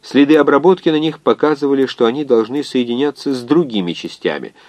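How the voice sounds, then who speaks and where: A man narrating a science fiction novel in an expressive, measured reading. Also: mid-range voice, dry recording. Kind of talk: scripted audiobook narration.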